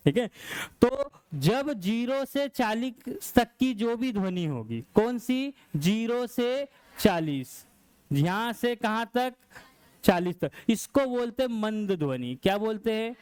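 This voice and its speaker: A man's voice: high voice, a little mellow, clean tone, dry recording. A male science teacher lecturing a class, asking questions and answering them himself.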